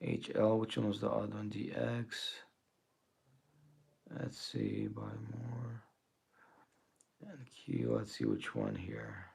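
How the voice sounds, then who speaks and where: Low, mellow-voiced man in his 40s. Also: slow, vocal fry, long pauses, slightly rough. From Russia, raised in the US. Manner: relaxed, rambling, thanks viewers warmly, chuckles often. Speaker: livestream trading host. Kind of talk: casual livestream chat.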